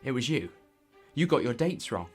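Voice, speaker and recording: The Doctor, an eccentric time-travelling sleuth, as a man plays him in a fan audio drama. He talks in a chatty, whimsical way at a middling pitch, with faint music behind him. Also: very animated, moderate pace, husky.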